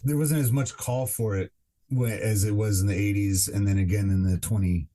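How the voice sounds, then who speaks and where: A man's voice: lowish voice, steady tone, normal speed, mellow. A man co-hosting a podcast in casual chat, rambling with lots of fillers and restarts. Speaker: podcast co-host.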